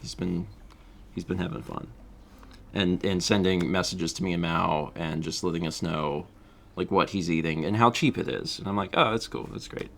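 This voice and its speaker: A man's voice: low voice, normal speed, vocal fry, a bit bright, a little hiss or hum. A man chatting casually on his livestream, laughing often and reading out viewer donations. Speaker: streamer.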